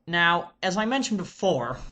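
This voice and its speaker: A man talking casually as a video reviewer, halting and deliberate, with frequent pauses. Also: sits high, very animated, sharp tone. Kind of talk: casual vlog announcement.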